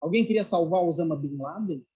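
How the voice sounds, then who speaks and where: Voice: medium pitch, a little fast, husky. A speaker, telling religious stories in a sermon and acting out the voices of the people in them. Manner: animated storyteller who acts out quoted voices and often adds "né?". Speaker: religious lecturer. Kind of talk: storytelling sermon. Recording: dull lo-fi recording.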